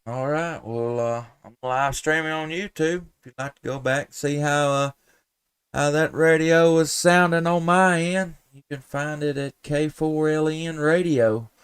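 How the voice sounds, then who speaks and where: A man with a fairly high voice speaks at a measured pace, smooth and dry, in studio-quality audio. He's an amateur radio operator from southern Middle Tennessee, folksy and courteous on a live stream, using radio jargon and spelling out call signs while calling and chatting casually with contacts.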